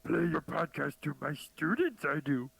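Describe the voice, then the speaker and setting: Voice-message Yoda, high, gravelly and reversed. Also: male voice, expressive, normal speed, fairly bright tone, no echo, heavily acted, low-quality recording. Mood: cheery. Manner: talks with words in reversed order. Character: tiny ancient male alien sage, wise and cheerful. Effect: played as a voice message.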